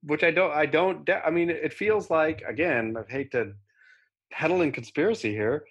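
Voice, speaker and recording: A man from Southern California chatting casually as co-host, sarcastic and quick to mock. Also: a little high, slightly rough, highs cut off. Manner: sarcastic, slides into mocking voices. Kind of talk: casual podcast chat.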